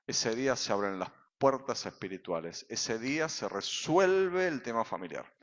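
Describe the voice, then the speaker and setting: A man with an Argentine accent, a pastor preaching a sermon in a church, full of rhetorical questions and sudden shouts. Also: medium pitch, sing-song, normal speed. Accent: Argentine Spanish. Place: church sanctuary. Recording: reverberant hall, dull sound.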